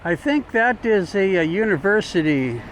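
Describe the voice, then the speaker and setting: A male travel vlogger walks along outdoor streets, chatting in a rambling, folksy, joking way with some informal mild swearing. His voice is high-pitched and animated at a normal speed, and street noise and passing vehicles are audible.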